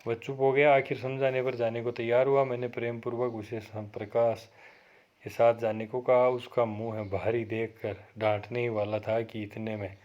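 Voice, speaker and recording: A man, a college lecturer, reading a story aloud to his class and explaining it, in a steady read-aloud manner with occasional self-corrections. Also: mid-range voice, moderate pace, lo-fi sound.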